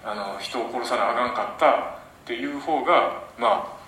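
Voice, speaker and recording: A man's voice: medium pitch, moderate pace, a little hiss or hum. A man with an Osaka accent, a novelist giving a chatty live talk to an audience in a lecture room, full of fillers and questions put to the listeners. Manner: chatty and animated, many fillers, quizzes the audience. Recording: echoey room, mic at a distance.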